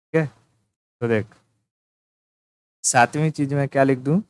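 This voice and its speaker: A man's voice: mid-range voice, fairly even intonation, measured pace, smooth. A man teaching an informal exam-prep lesson, teasing the listener and repeating key words as he writes them down. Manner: teasing, repetitive, addresses listener as "tu".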